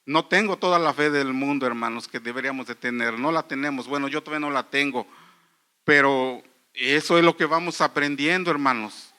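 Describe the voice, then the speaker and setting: A middle-aged man preaching a sermon in church, earnest and halting, often restarting phrases and calling the listeners brothers. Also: mid-range voice, sharp tone, clean tone. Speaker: pastor.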